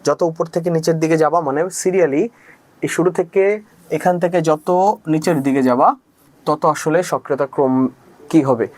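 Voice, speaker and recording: A man's voice: on the high side, moderate pace, long pauses, a little mellow, dry recording. A man teaching a chemistry class on video. He chants a memory rhyme, asks questions and answers them himself, and keeps checking "okay?". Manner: casual, mixes in English words and keeps asking "ঠিক আছে?". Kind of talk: recorded video lecture.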